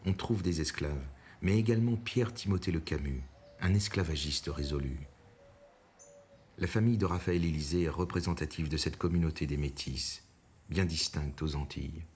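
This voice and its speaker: Low-voiced male documentary narrator. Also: darkish tone, slight background noise.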